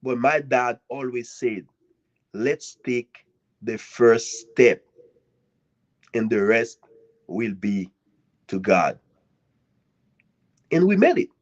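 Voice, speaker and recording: A man from Haiti speaks slowly and deliberately, pausing for effect and leaning hard on words of thanks. His pitch sits in the middle, and the audio has a dull, lo-fi sound. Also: lively intonation. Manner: earnest and grateful, with swinging emphasis and dramatic pauses. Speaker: guest author. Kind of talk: speech at a live author event.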